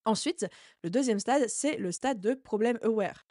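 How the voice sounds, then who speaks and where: A woman's voice: on the high side, normal speed, mellow, dry recording. Dry-sounding French woman explaining marketing. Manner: explanatory, conversational, with frequent fillers. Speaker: podcast host and marketing coach. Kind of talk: solo educational podcast talk.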